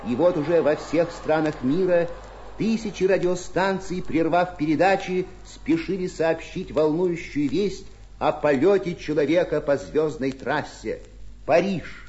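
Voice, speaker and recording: A man's voice: fairly high pitch, a little slow, darkish tone, highs cut off, slight background noise. A man delivering dramatic scripted narration for a documentary.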